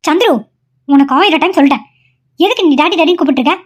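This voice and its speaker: A woman with a high, animated voice talks fast, playing a stern, short-tempered young mother in a cartoon. She sounds angry, scolding harshly, and the recording is dull and lo-fi.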